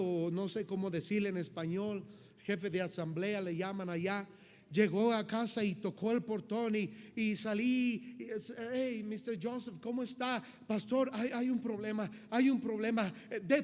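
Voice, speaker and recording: A man's voice: high voice, long reverb tail. A man preaching a sermon as a missionary pastor, telling stories and calling the congregation brothers. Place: church.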